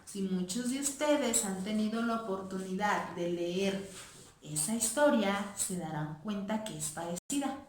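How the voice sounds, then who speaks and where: A woman primary school teacher reading a play aloud to children in an expressive way, in an echoey room. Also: medium pitch, a little slow. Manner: expressive, addressing children directly.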